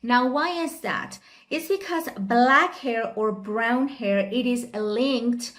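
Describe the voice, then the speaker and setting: A woman hosting a history video, explaining things in a chatty way with quick asides and light laughs. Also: fairly high pitch, a bit bright. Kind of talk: casual educational explainer.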